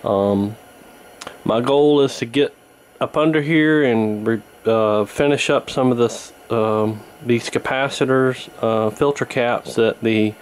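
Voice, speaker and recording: A man fixing a radio narrates the hands-on work casually as host, speaking at a slow pace with a medium-pitched voice. He's at an indoor workbench, captured by a nearby handheld camera whose mic adds noticeable background noise.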